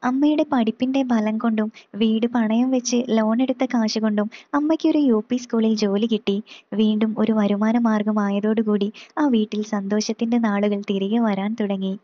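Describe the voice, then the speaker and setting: Woman reading a story, slightly high voice. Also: normal speed, no room sound, lo-fi sound. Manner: steady, plain reading.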